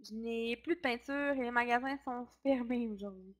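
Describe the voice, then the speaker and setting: A worried, grumbling father from a children's storybook, voiced by a woman reading aloud. He sounds exasperated and short-tempered. The voice stays fairly high. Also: moderate pace, lightly acted.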